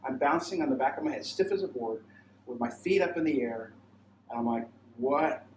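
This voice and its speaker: A man's voice: medium pitch, animated, a little fast, darkish tone. A man delivers a sermon-style testimony at a mission training, wandering through his story and slipping into the voices he quotes. He is picked up from a distance, so the room echoes around him. A faint hum of ambience sits under his voice. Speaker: pastor. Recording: roomy sound, mic far off, faint ambience.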